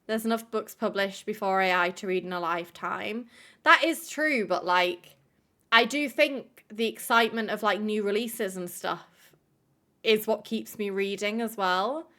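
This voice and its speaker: A woman running a live stream talks a little slowly in a mid-range voice that's bright and forceful. She chats casually with her audience, filling gaps with "like" and swearing freely.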